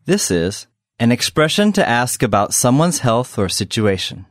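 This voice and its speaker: A man hosting a language lesson, explaining phrases in a clear, measured way. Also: medium pitch, sing-song, no room sound, studio quality.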